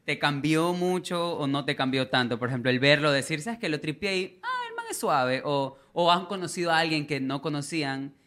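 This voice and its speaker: A woman co-hosting a casual podcast chat, playful and quick to jump in with questions. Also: low voice, a bit bright. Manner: playful, asks questions, jumps in. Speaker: podcast co-host.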